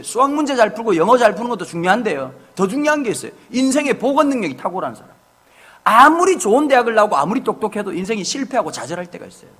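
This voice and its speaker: High-voiced, lively pastor preaching. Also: male voice, husky. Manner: humorous, animated storytelling with acted family quotes. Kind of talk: sermon. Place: church sanctuary.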